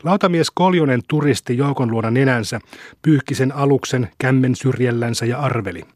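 A man reading a novel aloud as an audiobook narrator, in a measured storytelling manner. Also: mid-range voice, dry recording, studio quality. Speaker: audiobook reader. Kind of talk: scripted narration.

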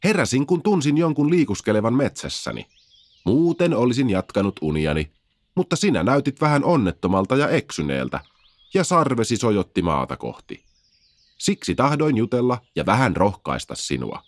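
A man's voice: medium pitch, big pitch swings, no echo. A man voicing an ancient, sleepy stone unicorn, kind, wry and reassuring. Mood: wry, gentle.

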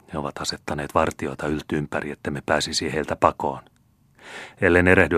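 A man voicing a gruff, harsh middle-aged bailiff who barks orders in a storybook reading. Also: a bass voice, a bit bright, dry recording. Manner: barking orders, scornful.

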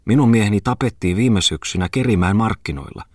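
A man's voice: lowish voice, no echo, clean studio sound, pitched above the performer's own voice, lightly acted. A man voicing a pleading wandering woman who begs for bread for her child.

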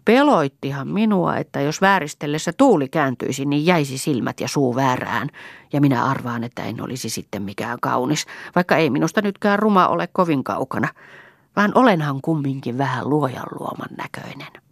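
Lady reading chatty impulsive village girl, up and down emotions, bright and quick, dry booth sound. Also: rumbling low, creaky, no echo, heavily acted. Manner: lively and chattering, quick to laugh and cry. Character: impulsive, talkative young village woman. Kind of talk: audiobook character reading.

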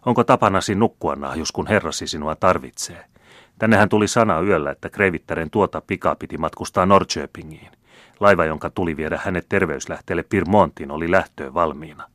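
A man voicing a proud, scheming count, the elder son, smooth and commanding. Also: low-pitched, fairly bright tone, no room sound, studio quality. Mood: scolding.

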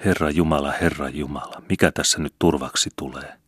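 A man's voice: very deep voice, fairly even intonation, slightly rough, no echo, studio quality. A man reading an anxious old farm wife in an audiobook, pleading and lamenting.

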